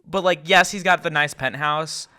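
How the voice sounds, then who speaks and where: A young man co-hosting a podcast, chatting in quick animated rambling bursts. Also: on the high side, smooth. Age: young adult. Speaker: podcast co-host. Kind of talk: casual chat.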